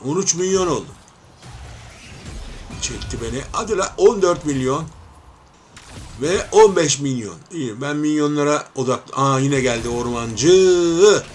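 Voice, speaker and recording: A man giving live gameplay commentary, talking to viewers as friends and taunting opponents with playful shouts. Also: on the high side, normal speed, long pauses, a little hiss or hum.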